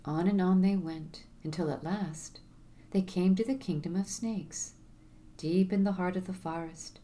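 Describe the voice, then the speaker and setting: Warm, low-voiced woman storyteller. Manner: measured, expressive reading. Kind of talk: storybook narration.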